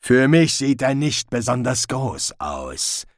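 A man voicing a cruel, imperious lord who speaks slowly and with quiet menace. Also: medium pitch, very animated, no echo, clean studio sound. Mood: menacing. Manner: slow, menacing, commanding.

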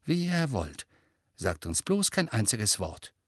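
A man's voice: a little high, normal speed, no echo, clean studio sound, pitched above the performer's own voice. A man reading aloud, voicing a cheeky, nosy teenage wizard boy who pries with cool questions. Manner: prying, cool.

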